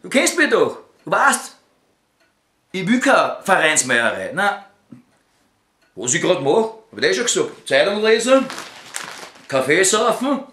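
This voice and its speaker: A Viennese man performs a one-sided comic phone call in a high, bright voice that swoops all over. He is crude and foul-mouthed, lurching from outbursts to syrupy sweet talk, and the room around him echoes. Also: big pitch swings, measured pace, pauses often. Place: living room.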